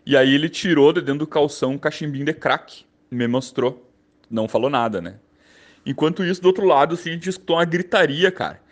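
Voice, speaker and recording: A man's voice: fairly high pitch, quick pace. A man with a southern Brazilian gaúcho accent casually telling anecdotes in a loose, rambling way. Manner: loose, rambling, lots of fillers. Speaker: storyteller.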